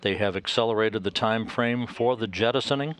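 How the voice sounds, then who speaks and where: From mission control, an American man offers live technical commentary, measured and halting and full of uhs. His voice is fairly low in pitch with a fairly bright tone.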